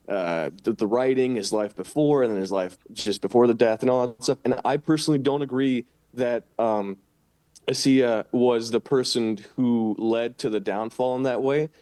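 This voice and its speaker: A man co-hosting a podcast, talking in a loose, earnest ramble. He trips over his words as he works out his thoughts, at an ordinary middle pitch. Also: darkish tone. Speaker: podcast co-host. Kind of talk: casual podcast chat.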